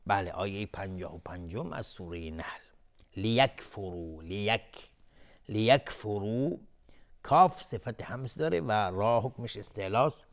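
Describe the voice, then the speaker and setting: A man teaching Quran recitation rules on a television lesson, patiently explaining each rule and breaking words into syllables, then chanting the verses slowly in a higher, louder, melodic voice. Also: expressive, creaky. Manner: alternates plain explanation with slow, raised, melodic chanting of verses.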